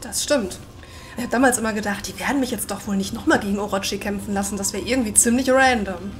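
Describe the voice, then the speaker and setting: A woman's voice: mid-range voice, very fast, slight background noise. A woman game streamer chatting casually while she plays live. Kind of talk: casual live gameplay chat. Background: game music.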